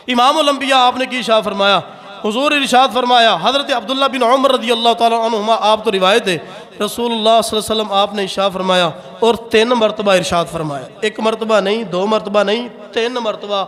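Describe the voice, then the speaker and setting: A man's voice: extremely high pitch, fairly bright tone, big-room sound. A man with a Punjabi accent preaching a sermon, emphatic and repetitive, often asking his listeners whether they understand. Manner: emphatic, repetitive, asks the congregation questions. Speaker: Islamic preacher.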